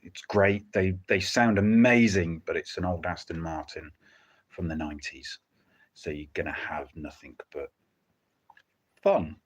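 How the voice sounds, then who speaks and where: A man's voice: low voice, fairly even intonation, a little slow, breathy edge. A man hosting a livestream with casual, rambling live commentary and a dry, joking, hesitant delivery. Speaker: livestream host commenting on a car auction.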